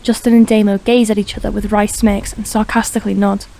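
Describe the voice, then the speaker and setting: A woman narrating an audiobook crime drama in a steady, even reading voice. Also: mid-range voice, fairly quick, vocal fry, slight background noise. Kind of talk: scripted narration.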